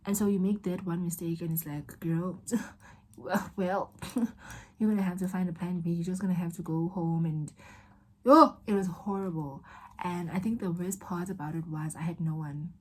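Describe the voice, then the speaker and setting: A woman's voice: fairly low pitch, fairly even intonation, moderate pace, slightly rough. A young woman in an emotional, rambling confessional vlog, talking straight to her viewers as girl and babe. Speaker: vlogger.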